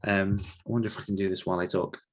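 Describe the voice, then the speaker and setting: A podcast host who also coaches authors answers questions casually, rambling a little as he thinks out loud. He has a deep voice, talks fast and delivers flatly.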